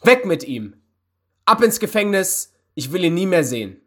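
A man voicing a furious rich master in a children's Bible story, shouting in anger. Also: sits high, big pitch swings, normal speed, pitched above the performer's own voice, full character voice. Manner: bellowing, angry.

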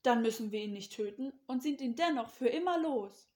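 A woman's voice: a little high, animated, brisk, a little mellow, close to an everyday voice. A woman voicing a scheming brother who confidently proposes a plan. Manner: confident, persuasive.

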